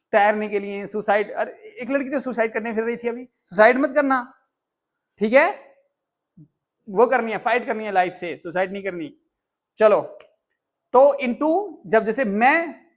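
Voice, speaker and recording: Joking, scolding male classroom teacher. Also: high-pitched. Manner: scolding, joking with students, repeats English words slowly. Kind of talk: classroom grammar lesson. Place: indoor classroom.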